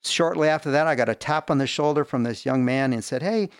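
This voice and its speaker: A middle-aged man recounts his story with lively energy, now and then putting on the voices of people he quotes. His voice has a gravelly edge, and the room around him sounds dry and close. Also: mid-range voice, fast talker, no room sound. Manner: animated, acts out quoted voices. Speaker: guest. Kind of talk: storytelling testimony.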